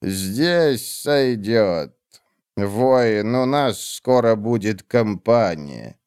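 A man voicing a slow, cold ancient witch. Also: lively intonation, a little mellow, clean tone, dry recording, studio quality, full character voice. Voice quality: slow, low, measured. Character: ancient undead female witch, cold and scheming.

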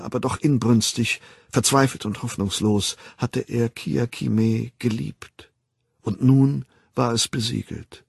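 A man reading an audiobook in a measured, grave storytelling manner, close to the mic. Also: medium pitch, gravelly, breathy edge, no echo. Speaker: narrator. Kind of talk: scripted audiobook narration.

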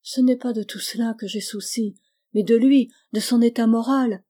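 A woman's voice: on the high side, fairly even intonation, normal speed, dark tone, breathy edge. A woman voicing a distraught young wife who pleads urgently for her husband in a read-aloud novel. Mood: anxious.

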